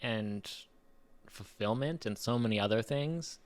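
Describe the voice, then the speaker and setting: A man co-hosting a podcast in casual chat, laughing easily and swearing casually, with his pace speeding up and slowing down. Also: on the low side. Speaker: podcast co-host.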